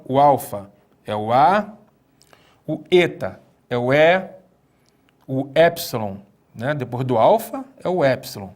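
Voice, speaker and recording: Slow, higher-pitched male teacher. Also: darkish tone. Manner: slow, repetitive, drills words aloud. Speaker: Greek teacher. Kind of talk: classroom-style video lesson. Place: room with a whiteboard.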